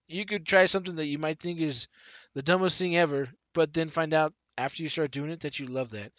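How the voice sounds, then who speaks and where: A man's voice: a little high, fairly bright tone, no room sound. A man co-hosting a podcast, speaking in an encouraging, playful casual chat. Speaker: podcast co-host.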